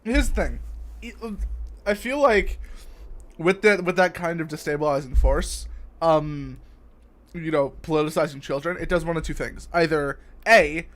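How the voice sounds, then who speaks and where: A young man co-hosting a casual podcast, emphatic and quick to get worked up, swearing freely. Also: fairly high pitch, fairly bright tone. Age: young adult. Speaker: podcast co-host.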